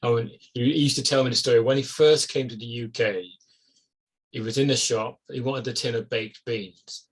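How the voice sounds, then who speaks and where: A man's voice: medium pitch, fairly even intonation, normal speed, slightly rough. A middle-aged man, hosting a casual interview, chatty and jokey with anecdotes. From Wales. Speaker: podcast host.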